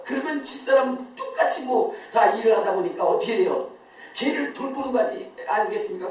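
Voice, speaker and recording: A male pastor delivers a Sunday sermon with emphatic, questioning energy, laughing between lines. His voice carries from a distance and rings around a very reverberant sanctuary. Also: extremely high pitch. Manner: emphatic, quizzes the congregation, often laughing as he speaks. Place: church sanctuary. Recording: very echoey church, voice from far off.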